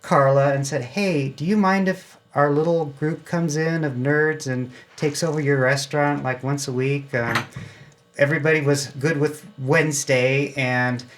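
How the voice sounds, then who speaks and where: There is slight background noise as an American amateur radio club member, appearing as an interview guest, talks a little slowly. His fairly high voice keeps fairly even intonation, and he explains things casually through straightforward anecdotes.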